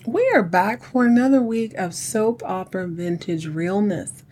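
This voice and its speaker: A middle-aged podcast host with a husky voice, chatting solo in a campy, sassy drag-queen manner, sounding like a woman. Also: mid-range voice, lively intonation, a little slow, a little mellow. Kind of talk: chatty solo recap commentary.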